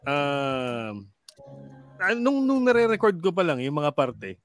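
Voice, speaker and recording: A man's voice: a little high, big pitch swings, slow, no echo, studio quality, soft background music. A middle-aged man, a radio DJ guest, chatting casually in a joking, rambling way, mixing in English and many fillers. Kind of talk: casual studio chat.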